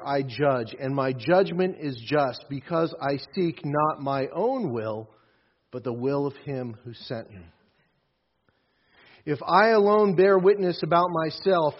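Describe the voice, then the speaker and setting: A man preaching a sermon emphatically, repeating phrases for stress. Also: on the high side. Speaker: pastor. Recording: dull lo-fi recording.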